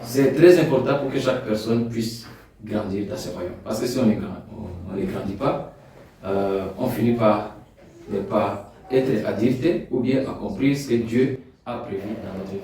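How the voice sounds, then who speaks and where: This sermon comes from a Rwandan man, a native Kinyarwanda speaker, whose lowish voice moves a little slowly. Preaching in an echoey hall on a far-off microphone, he swells to loud emphasis at key moments and turns soft in prayer.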